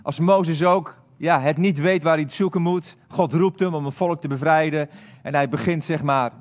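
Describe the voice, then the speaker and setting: A man's voice: a little high, normal speed. A man giving a sermon as a pastor, talking earnestly with frequent hesitations and fillers.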